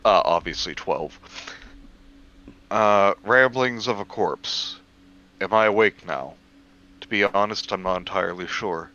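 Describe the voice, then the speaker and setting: Reading a horror tale told in the first person, a man keeps a measured pace but trips over the odd word. His low-pitched voice comes across pushed and bright on a lo-fi recording.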